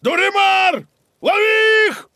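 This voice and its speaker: A man's voice: very high voice, animated, slow, no echo, studio quality, voice pushed up, exaggerated voice. A man voicing a huge, furious male puppet-theatre owner who roars his lines in a storybook reading. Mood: roaring. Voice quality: gravelly roaring shout.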